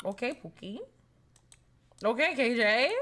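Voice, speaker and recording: A young woman streaming a life-sim game live, chatting with viewers and shrieking with excitement in drawn-out repeats. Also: on the high side. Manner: chats with viewers, says thanks for follows. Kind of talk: casual live-stream commentary.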